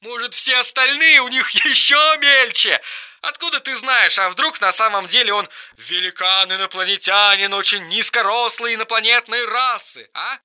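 A man voicing an erratic, mocking young man on the phone in an audiobook reading, shrill and teasing. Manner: shrill, teasing, quick swings to flat calm.

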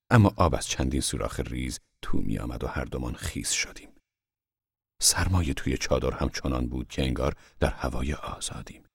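A man narrating an audiobook in a calm, measured way. His voice is extremely deep and husky, recorded dry and close with no room sound. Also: no room sound.

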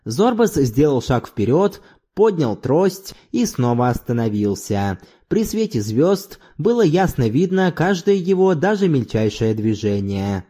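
A man reading a novel aloud as narrator in an expressive, dramatic storytelling manner. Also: medium pitch.

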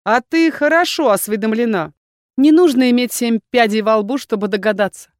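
A woman voicing a calm young male fighter in an audiobook, with a wry, reassuring way of speaking. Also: fairly high pitch, moderate pace, dry recording, clean studio sound, close to an everyday voice. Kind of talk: audiobook reading.

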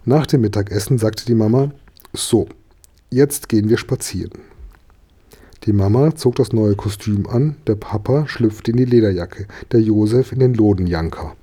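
A man reading a children's story aloud in a calm, measured way. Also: fairly low pitch, breathy edge. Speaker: reader.

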